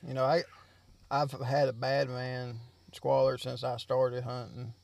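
A man's voice: mid-range voice, little pitch movement, unhurried, creaky, a little mellow, no echo. A man chatting easily on a hunting podcast. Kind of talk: casual chat.

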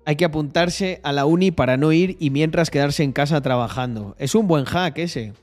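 A man's voice: fairly high pitch, normal speed, faint music behind. Joking Spanish man chatting on stream. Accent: Spain Spanish. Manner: chatty, joking, laughs at himself. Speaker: streamer and podcast host. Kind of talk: casual live-stream chat.

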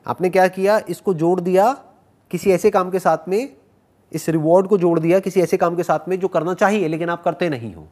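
A brisk, high-voiced man gives a motivational talk and takes audience questions. He's animated and teasing, and his Hindi is sprinkled with English phrases.

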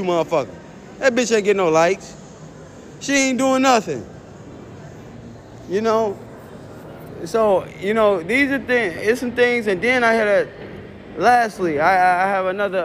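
High-voiced man. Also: a little hiss or hum. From Chicago. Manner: profane, rambling storytelling. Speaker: show host. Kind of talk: casual monologue.

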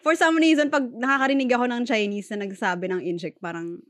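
A woman co-hosting a casual podcast chat, telling stories in an animated, chatty way with a Filipino accent. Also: fairly high pitch, fast. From Philippines. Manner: animated, chatty storytelling with frequent fillers. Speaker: podcast co-host.

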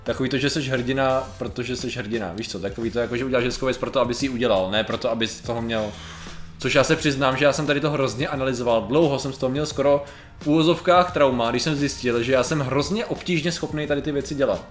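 A man's voice: medium pitch, roomy sound. Young guy reading points off a list and musing on them, chill chat, faint music under it. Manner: reflective, reads out points, laughs often. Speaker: podcast co-host. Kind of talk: casual chat.

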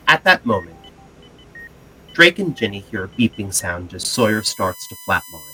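A man's voice: lowish voice, sing-song, moderate pace, bright, forceful tone, a little hiss or hum. A man delivering scripted dramatic narration for an audio drama, with music behind him. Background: background music.

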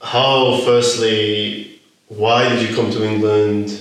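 A man's voice: fairly low pitch, flat delivery, slow. A man hosting a casual podcast, joking with his guests and laughing often as he asks questions. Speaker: podcast host. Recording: echoey room, far from the mic.

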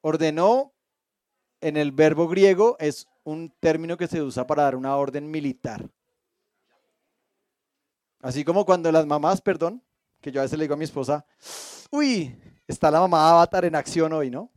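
A man with a high-pitched voice leads a church Bible study, recorded close and dry. He keeps checking in with his listeners through questions as he reads and explains, and he slips in playful jokes. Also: normal speed, pauses often, dark tone, no echo. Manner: asks the audience frequent questions; reads a passage aloud and stops to explain.

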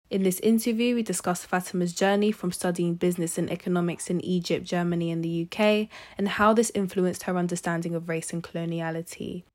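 A woman hosting a podcast, reading a scripted introduction and asking questions in a friendly manner with hedging fillers. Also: on the low side. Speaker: podcast host.

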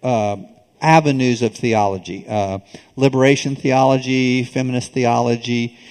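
An older man teaches a church group informally, with a halting, folksy, conversational delivery. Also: medium pitch, steady tone, a little mellow. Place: auditorium, addressing an audience. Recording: reverberant auditorium, live recording.

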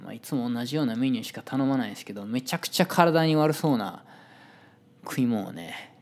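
A man's voice: mid-range voice, lively intonation, fast. A man with a Kansai Japanese accent telling a story in a casual, chatty monologue and acting out the voices of people he quotes.

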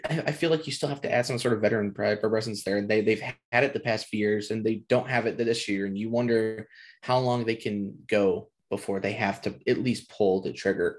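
Male podcast host, casual chat, frustrated rambling, mid-range voice. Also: medium pitch.

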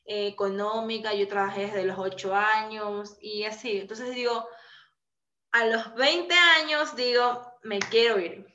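A woman in her twenties telling her story in a casual podcast chat over a video call, animated and full of fillers. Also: medium pitch, a little slow. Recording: echoey lo-fi call audio.

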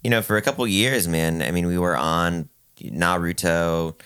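Chill guy in his 30s, very deep smooth voice, drawls out his vowels, lots of ums. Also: fairly bright tone. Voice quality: talks out of the side of his mouth, drawn-out vowels. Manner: laid-back, rambling with fillers. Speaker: podcast guest. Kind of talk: casual chat.

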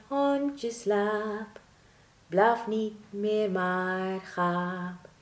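A woman voicing a friendly family of grass blades who whisper in rhymes in a storybook. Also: mid-range voice. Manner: sing-song whispering, rhyming. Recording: roomy echo.

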